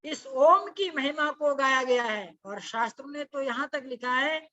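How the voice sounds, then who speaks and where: A woman's voice: high voice, measured pace, pushed and bright. A woman preacher giving a devotional sermon, explaining scripture with rhetorical questions and chanted Sanskrit verses. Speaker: religious preacher.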